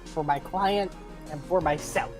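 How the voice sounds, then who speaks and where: Rookie female defense attorney, earnest, slightly low voice, hesitant but resolved; played by a woman. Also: over music. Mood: determined. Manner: earnest, halting when flustered. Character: young female rookie defense lawyer, nervous but determined.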